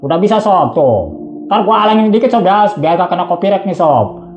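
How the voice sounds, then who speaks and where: A man's voice: high-pitched, lively intonation, fairly quick, reverberant, highs cut off. A man narrating a casual tech tutorial, chatty and slangy, constantly addressing viewers.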